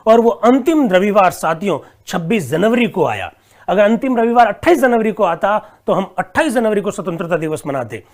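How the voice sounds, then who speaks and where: A man teaching a live online exam-prep class, reading viewers' comments aloud and answering them, often calling his students friends and repeating key points slowly. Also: sits high. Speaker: exam coach.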